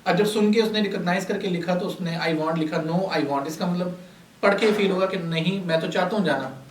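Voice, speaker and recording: A high-pitched man teaches a workshop class. He explains terms patiently and asks the class questions that he then answers himself. His voice comes from some distance in an echoey room. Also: moderate pace, slight background noise. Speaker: lecturer. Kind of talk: classroom lecture.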